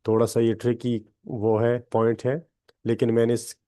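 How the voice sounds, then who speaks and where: A man with a dark, mellow voice teaches English grammar in an online class, speaking. He walks through each rule patiently and keeps asking "theek hai?" to check that his students are following. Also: medium pitch, level tone, normal speed. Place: online class on a video call.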